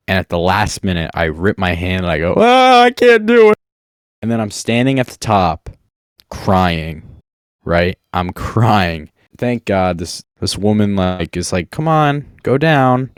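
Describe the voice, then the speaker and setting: A man's voice: deep voice, no room sound, studio quality. A young man telling casual, rambling, self-deprecating childhood stories to his viewers. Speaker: vlogger. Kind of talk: casual storytelling monologue.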